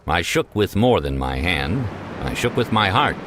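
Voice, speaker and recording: A man narrating a self-help story in a measured, earnest way. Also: sits low, big pitch swings, background noise.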